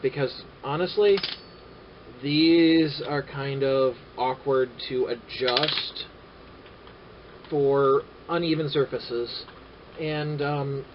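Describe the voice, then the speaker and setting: Rambling man on a dull lo-fi recording. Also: fairly high pitch. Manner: rambling, halting, frequent filler sounds; dry sarcastic asides. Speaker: vlogger. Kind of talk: casual gear-review vlog. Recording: dull lo-fi audio with faint noise.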